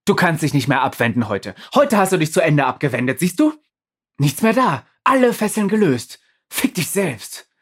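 A man's voice: on the high side, big pitch swings, a little fast, husky, voice pushed up. A man voicing a furious, towering female spirit who talks down to the hero with blunt, swearing scorn. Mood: contemptuous.

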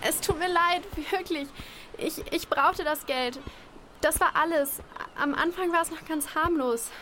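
A woman's voice: very high-pitched, unhurried, bright, forceful tone, a little hiss or hum, heavily acted. A woman playing a guilt-ridden young female contestant in an audio drama who stammers and apologizes.

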